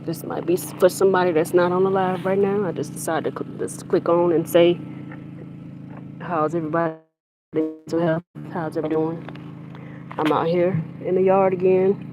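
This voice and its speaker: A mid-range, flat voice at normal speed, captured in poor audio. An adult who teaches young children chats casually on a handheld phone livestream while working in a backyard garden, rambling and restarting sentences. A running generator hums outdoors, and vehicle noise passes in the background.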